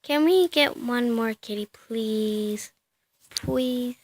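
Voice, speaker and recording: A woman's voice: on the high side, extremely slow. A female amateur vlogger chatting casually to a pet cat in baby talk, cooing and scolding.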